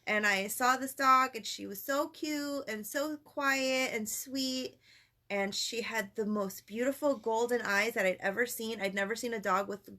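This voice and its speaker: High-voiced woman gushing in casual chat. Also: unhurried. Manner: gushing, animated storytelling. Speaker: co-host. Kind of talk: casual live-stream chat.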